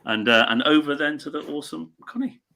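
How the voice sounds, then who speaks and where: Over a webcam on a video call, a man in his late fifties (his 50s) co-hosts from a small home room or shed indoors. His voice sits a little high and comes out quick, creaky, bright and forceful, as he chats casually, rambles, goes off on tangents and keeps interrupting himself.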